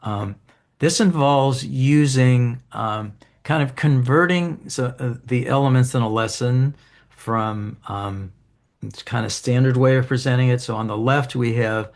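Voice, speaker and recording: A man giving an academic keynote lecture, explaining studies in a relaxed way with frequent ums and restarts. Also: mid-range voice, measured pace. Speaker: keynote speaker. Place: conference hall.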